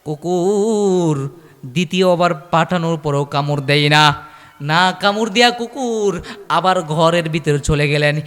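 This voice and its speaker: A man preaching a sermon, telling a story in a chanted, repetitive way with loud exclamations. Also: fairly high pitch, unhurried, smooth, in a large hall. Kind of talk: Bengali waz sermon storytelling.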